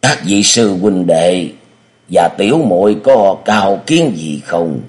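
A man voicing a hesitant old male sect leader who speaks slowly and shakily. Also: deep voice, expressive, darkish tone. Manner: slow, wavering, cautious.

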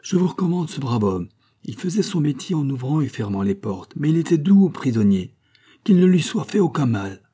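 A man reading the part of a calm, resolute middle-aged doctor in an audiobook, measured and commanding. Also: medium pitch, slightly rough. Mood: rousing.

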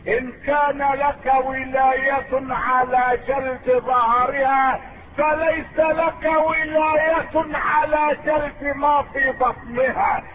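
A man's voice: extremely high pitch, fairly even intonation, takes it slowly, background noise. A man preaching voices a stern, commanding man who rebukes a ruler, on a tinny lo-fi tape. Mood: urgent rebuke.

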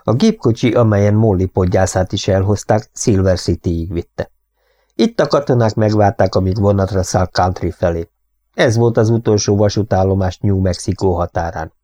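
A man reading an audiobook in a calm, measured way. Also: on the low side, no echo. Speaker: audiobook narrator. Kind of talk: audiobook narration.

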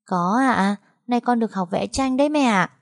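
A woman's voice: a little high, normal speed, dry recording, clean studio sound, voice pushed up, lightly acted. A woman voicing a small innocent girl talking to her mother in a storybook reading. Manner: sweet, gentle.

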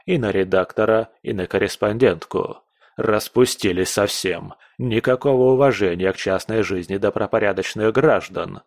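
A blustering older emperor, as a man puts him on, low and deliberately slow. He grumbles in a fussy, imperious way from a storybook reading. The sound is close and dry. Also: no room sound.

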